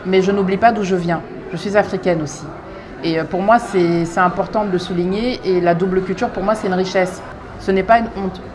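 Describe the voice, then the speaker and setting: A French woman in her thirties who founded a clothing brand talks through her story in an interview monologue. Her voice is lowish, and she speaks thoughtfully, with many pauses and restarts.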